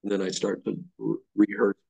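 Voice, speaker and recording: A man's voice: fairly low pitch, big pitch swings, fairly quick, gravelly, mellow, rough recording. A middle-aged man guest on a podcast, explaining ideas in a blunt, profane, casual way. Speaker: podcast guest, fire lieutenant. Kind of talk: casual conversational chat.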